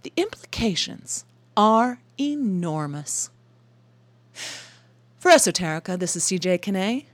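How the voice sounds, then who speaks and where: A woman's voice: mid-range voice, very animated, unhurried, pauses often. A woman hosting a short radio feature, telling her story as scripted narration in a wry, enthusiastic way.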